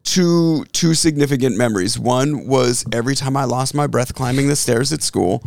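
A man with a gravelly, creaky voice at a middling pitch chats as a guest. He tells stories wryly, and the sound is dry and close. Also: moderate pace, darkish tone, no room sound. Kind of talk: casual chat.

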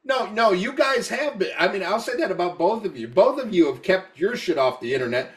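A man's voice: high-pitched, animated, fairly quick, distant mic. A drunk man co-hosting a podcast, rambling and heated, swearing constantly. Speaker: podcast co-host. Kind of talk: casual podcast rant.

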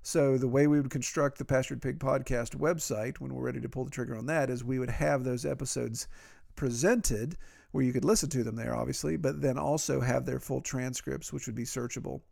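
A man's voice: mid-range voice, fairly even intonation, fairly quick, vocal fry, darkish tone. A man with an Appalachian drawl, talking casually and in a folksy, self-deprecating way as a podcast host. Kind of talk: casual, conversational podcast monologue.

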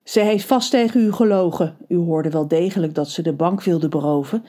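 A woman's voice: on the low side, moderate pace, warm tone, lightly acted. A woman voicing a strict, dismissive middle-aged woman who manages a guru's estate. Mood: stern.

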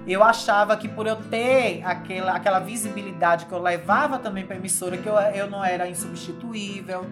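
A woman, a journalist telling stories in a colloquial, animated way during an interview. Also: medium pitch, brisk, over music. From Bahia, Brazil. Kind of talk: casual storytelling interview.

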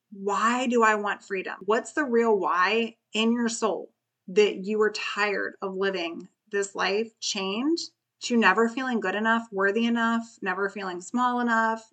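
Woman podcast coach, thin squeaky bright voice, earnest emphatic pep talk right to the listener. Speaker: podcast host and recovery coach. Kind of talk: solo motivational podcast talk.

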